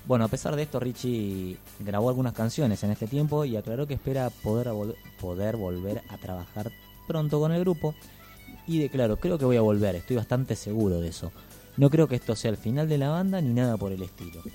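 A man's voice: mid-range voice, lively intonation, brisk, mellow, soft background music. A man with an Argentine accent co-hosting a community radio show, reading rock news with joking, self-mocking banter. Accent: Argentine Spanish. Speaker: radio co-host. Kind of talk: casual radio chat.

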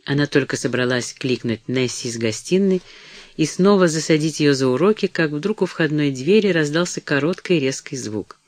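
A man narrating an audiobook in a steady, measured reading voice. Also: on the high side, dry recording.

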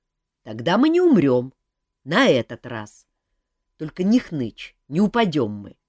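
A woman voicing a gruff adult male hero who grumbles and answers with curt sarcasm. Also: deep voice, huge pitch swings, unhurried, darkish tone, dry recording, clean studio sound, exaggerated voice. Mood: grumbling.

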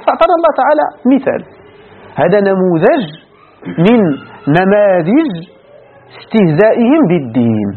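Moroccan guy teaching quran commentary, pitch all over the place, sounds tinny like a phone recording. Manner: explains verse by verse, asks the class rhetorical questions. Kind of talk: classroom Quran commentary lesson.

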